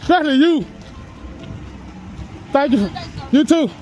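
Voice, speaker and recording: A man's voice: extremely high pitch, expressive, measured pace, darkish tone, a little hiss or hum, low-quality recording. A man filming police on a public sidewalk, taunting and mocking them in confrontational street talk, laughing often, picked up by the handheld camera he films with.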